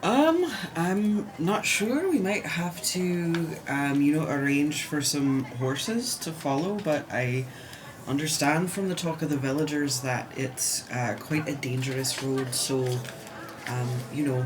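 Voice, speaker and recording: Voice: medium pitch, lively intonation, takes it slowly, background noise. A player in a tabletop game, thinking aloud hesitantly. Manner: thoughtful, hesitant.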